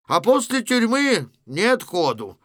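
A man reads a play aloud, voicing a cynical, worldly ex-convict who mockingly lectures his neighbors in a sardonic mood. He puts on an exaggerated voice pitched above his own, high and slow with wildly swooping pitch and a bit bright. The recording is dry, with clean studio sound.

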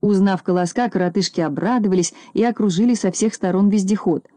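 A woman reads a children's storybook aloud with lively, expressive delivery. Her voice is mellow and warm, and the recording is close and dry with no room echo. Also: mid-range voice, fast. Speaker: narrator. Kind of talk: storybook reading.

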